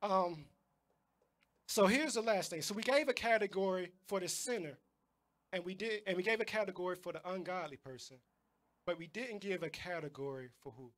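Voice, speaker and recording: A man's voice: high voice, moderate pace, fairly bright tone. A man preaching a sermon, emphatic, often repeating words as he drives a point home. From United States.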